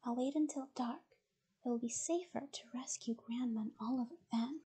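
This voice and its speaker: A woman's voice: on the high side, normal speed, warm tone, slightly rough. Melissa, a woman reading a brave young girl. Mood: determined.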